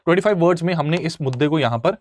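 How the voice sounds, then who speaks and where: A man's voice: fairly high pitch, racing, no echo, clean studio sound. A young man teaching exam answer writing, mixing English phrases into his speech. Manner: mixes English phrases into his speech, asks "theek hai" often. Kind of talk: explaining answer writing in a lesson.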